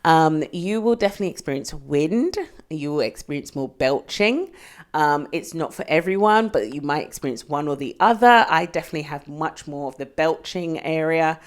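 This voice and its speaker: A woman's voice: low voice, animated, moderate pace. A young British woman, pregnant and often out of breath, candidly chatting to camera in a casual vlog. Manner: chatty, candid, with frequent fillers. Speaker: vlogger.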